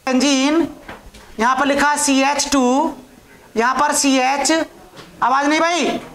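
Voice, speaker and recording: A woman's voice: high-pitched, steady tone, takes it slowly, a bit bright, a little hiss or hum. A woman teaching a chemistry class, coaxing her students with questions that she answers herself. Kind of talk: classroom lecture. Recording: echoey room.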